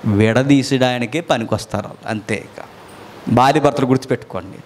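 A middle-aged male preacher delivering a sermon, dramatic, swinging from loud emphatic lines to low quiet ones and often asking the listeners questions. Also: fairly quick.

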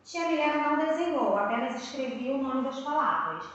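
A Brazilian woman teaching first graders, spelling out syllables slowly and patiently with prompting questions. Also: sits high, sing-song, heavy reverb, far from the mic, muffled recording. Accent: Brazilian Portuguese. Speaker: primary school teacher. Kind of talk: slow, clear classroom instruction for young children.

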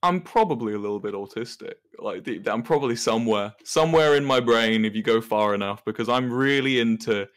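A man's voice: medium pitch, fairly quick, hardly any pauses, fairly bright tone. Young English man, playful and sweary. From England. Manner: playful, swears freely, laughs often. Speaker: guest. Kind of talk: casual interview chat. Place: office building.

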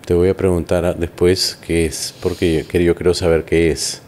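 Deep-voiced male interview host. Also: flat delivery, darkish tone, a little hiss or hum. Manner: conversational, quick short acknowledgements. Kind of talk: casual interview.

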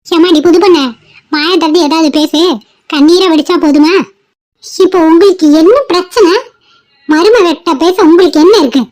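A woman's voice: very high voice, normal speed, darkish tone. A woman voicing a firm cartoon mother. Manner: firm, pleading, scolding. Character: middle-aged mother, firm, protective of daughter-in-law. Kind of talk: cartoon family drama voice acting.

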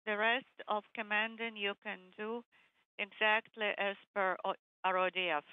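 Female live interpreter, mid-pitched, halting technical delivery, thin phone-like sound. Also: fairly even intonation, clean tone, no echo. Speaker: interpreter of space radio traffic. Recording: tinny, narrow phone-like line.

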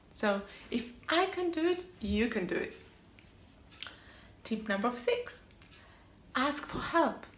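Her voice is high and a bit bright. An upbeat, emphatic vlogger giving scripted advice on living abroad to camera, she repeats short punchy answers in an echoey room with faint ambience.

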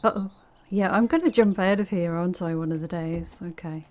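A woman's voice: on the low side, a little fast, darkish tone, slight background noise. A woman giving casual let's-play commentary, chatty and thinking aloud with dry little asides.

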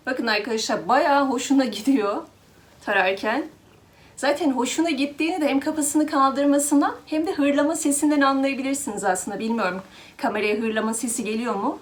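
A woman vlogger with a high, slightly fast voice chats casually with her viewers while demonstrating a pet grooming glove. Along the way she talks to her cat.

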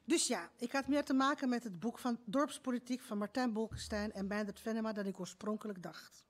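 Higher-pitched woman giving a measured speech. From Romania. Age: 50s. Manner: measured, literary storytelling. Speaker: speaker at a book event. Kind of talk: prepared speech with anecdote. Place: stage in an event hall.

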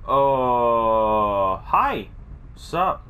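A man doing casual, jokey let's play commentary, reacting out loud to a video game. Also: mid-range voice, big pitch swings, drawn-out words, a little hiss or hum. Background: video game audio and music.

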